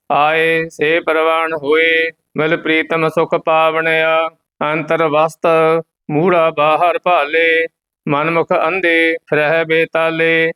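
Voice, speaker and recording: A man teaching scripture recitation, reading verse line by line at an even pace and stopping now and then to explain where to pause. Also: on the high side, clean tone, poor audio. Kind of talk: slow measured scripture recitation with pronunciation notes.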